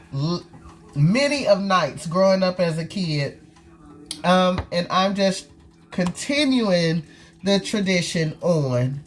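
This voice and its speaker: A woman with a stuffy, nasal voice from a cold, chatting casually to viewers as she cooks in her home kitchen. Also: mid-range voice. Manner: chatty, talks straight to viewers while cooking. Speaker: cooking vlog host. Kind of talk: casual cooking chat.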